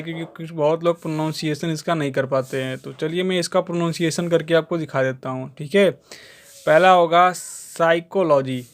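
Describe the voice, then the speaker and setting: A man, teaching a school exercise. He reads the lines slowly, then explains them in Hindi, often adding a checking filler. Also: fairly high pitch. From India. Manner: keeps adding a checking "theek hai" as a filler.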